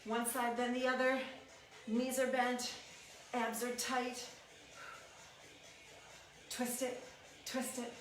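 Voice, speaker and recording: Female aerobics instructor, slightly high voice, unhurried encouraging workout cues; distant mic in a very reverberant room. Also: little pitch movement. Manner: encouraging, coaching in short cues. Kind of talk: instructional workout cueing with counts. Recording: echoey room, distant mic, music behind. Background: workout music.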